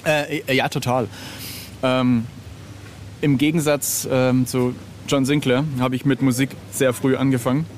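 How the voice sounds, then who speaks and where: A man's voice: mid-range voice, little pitch movement, a little slow, slight background noise. A middle-aged man chatting casually as an interview guest, hesitant and self-ironic, often searching for his words. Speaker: interview guest, illustrator of record covers.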